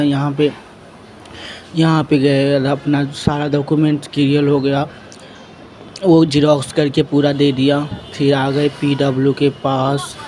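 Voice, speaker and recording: A man's voice: fairly high pitch, darkish tone, slight background noise, rough recording. A young man narrates his vlog in a casual way and retells events with a lot of repetition. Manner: plain retelling in a loose, repetitive way. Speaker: vlogger.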